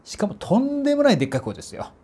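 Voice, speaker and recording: Animated, mellow-voiced male voice trainer. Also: very high voice, rapid-fire, husky. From Kanto, Japan. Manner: chatty and emphatic, with polite asides. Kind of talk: solo talk to camera.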